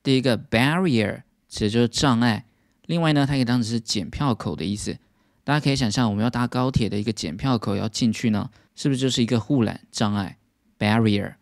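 A man's voice: medium pitch, brisk, no room sound, studio quality. A man with a Taiwanese Mandarin accent teaching English news vocabulary, explaining each word steadily and stressing the English terms.

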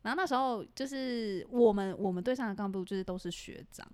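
A woman's voice: mid-range voice, fairly quick, clear, resonant tone. A young woman from Taiwan co-hosting a casual podcast, telling a story with laughter and acting out the people in it. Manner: animated, laughing, acts out quotes loudly. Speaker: podcast co-host.

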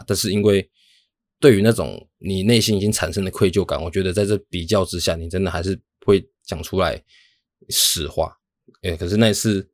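A young man tells a story in a low voice, rushing through his words. He rambles and mocks himself, with restarts. The sound is dry and close. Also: dry recording. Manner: rambling, self-mocking, talks fast with many restarts. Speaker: podcast host. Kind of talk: casual storytelling monologue.

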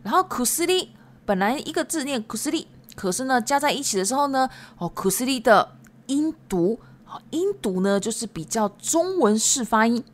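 Woman, language-lesson podcast host, slightly high pitch, patient repeater with chatty fillers. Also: sing-song. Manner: patient, repeats words slowly, many fillers. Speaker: Japanese language teacher.

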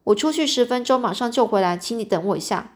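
A woman's voice: fairly high pitch, expressive, quick pace, close to an everyday voice. A woman reading a storybook aloud, voicing a defensive young man who denies a theft and defies his father. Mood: defiant. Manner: defensive, pleading then defiant. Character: young man, sullen accused son.

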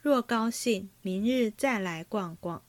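A woman reading aloud, voicing a dignified middle-aged lady who gently urges the elderly matriarch to rest. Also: mid-range voice, takes it slowly, dry recording, natural voice. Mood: solicitous.

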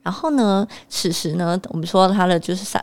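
A young woman telling a personal story to camera, animated and exasperated. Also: lowish voice, moderate pace. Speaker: vlogger.

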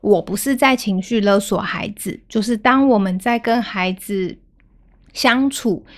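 Calm mother hosting a parenting podcast. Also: medium pitch, a little slow. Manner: calm, gentle retelling of a family story. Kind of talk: storytelling podcast talk.

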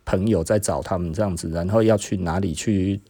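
A middle-aged man, hosting a podcast and casually telling stories from his own life, tagging his phrases with a drawn-out "hm" particle and chuckling as he goes. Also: sits low, mellow, breathy edge. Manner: tags nearly every phrase with a drawn-out "hm" particle and chuckles often. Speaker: podcast host. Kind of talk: casual personal storytelling.

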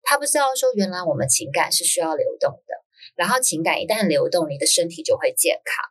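A woman guest, an author and schoolteacher, telling a personal story in conversation, lively and full of fillers and quick "yes, yes" affirmations. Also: on the low side, slightly rough.

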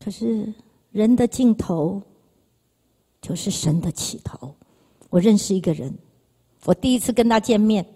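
A woman's voice: medium pitch, warm tone, breathy edge. A woman with a Taiwanese Mandarin accent giving an emotional personal testimony in church, repeating phrases and speaking to the audience. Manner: emotional, repetitive storytelling, addresses audience. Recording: reverberant church hall.

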